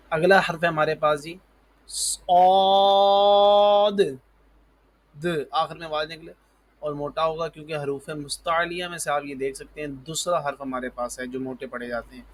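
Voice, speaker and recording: A man with a fairly high voice teaches the alphabet for Quran reading. He calls out each letter slowly and loudly, then explains its sound in a quieter, patient way. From Pakistan. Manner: patient, repeats "ji" and "parh lijiye". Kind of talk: alphabet lesson.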